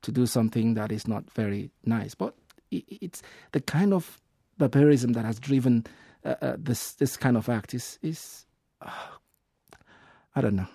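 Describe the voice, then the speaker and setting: A man's voice: medium pitch, normal speed, vocal fry, warm tone, slightly rough, dry recording, clean studio sound. A Nigerian-born man, a filmmaker, speaking emotionally with many ums and repeated words. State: emotional, voice breaking. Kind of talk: emotional radio call-in comment.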